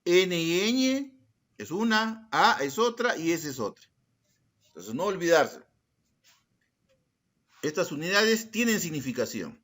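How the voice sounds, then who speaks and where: A man's voice: high voice, big pitch swings, slow, pauses often, fairly bright tone. A male schoolteacher teaching a class, calling on students by name, repeating their answers and posing questions in their voice. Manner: asks rhetorical questions in the students' voice. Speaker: secondary school language teacher.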